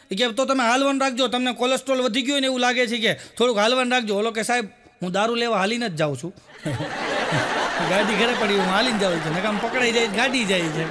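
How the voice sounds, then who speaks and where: A man's voice: very high voice, background noise. A man, telling one folksy joke after another. He acts out the characters' lines himself and keeps laughing along as he talks. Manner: laughs often while acting out characters' lines. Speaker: stand-up comedian telling jokes. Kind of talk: Gujarati folk joke storytelling.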